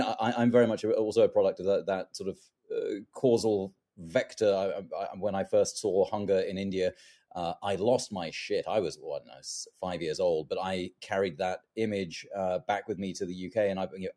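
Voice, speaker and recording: A middle-aged man from London, an author and activist, talking in an animated way with many restarts and stammers. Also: deep voice. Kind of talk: interview conversation.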